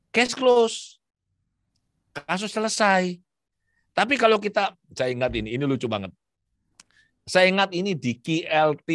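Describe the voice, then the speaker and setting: A man teaching a self-healing seminar in a lively, storytelling way, his pitch rising and falling widely. He is gentle and encouraging, with a fairly high voice. The sound is dry and close. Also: no room sound. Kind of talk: seminar talk.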